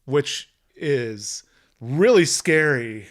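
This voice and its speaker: A man's voice: medium pitch, lively intonation, drawn-out words. A middle-aged man who owns an electrical business, chatting as an interview guest and telling work stories with an easygoing, rambling manner. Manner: easygoing storyteller, many fillers and restarts. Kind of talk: casual interview chat.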